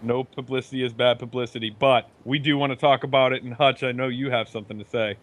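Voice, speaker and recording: A man hosts a casual gaming podcast with an easygoing, joking manner. His voice sits at a middle pitch for a man. He keeps things light as he steers the talk between his guests. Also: steady tone, quick pace, a little hiss or hum. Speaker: host.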